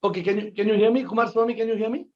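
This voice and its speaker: A man with a fairly high voice teaches over a shaky phone call from outdoors, his words breaking up on the line. The sound is muffled and distant, and he keeps repeating himself and asking whether anyone can hear him. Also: fairly even intonation, rapid-fire, slight background noise. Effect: voice breaking up over a bad call connection. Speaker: spiritual teacher answering questions. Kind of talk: live online question-and-answer teaching. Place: outdoors by a lake.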